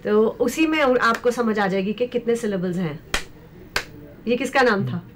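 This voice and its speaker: A woman teaching as a special education expert, speaking in a slow, deliberate way and mixing Hindi with English. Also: a little high, background noise. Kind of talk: explanatory lecture discussion.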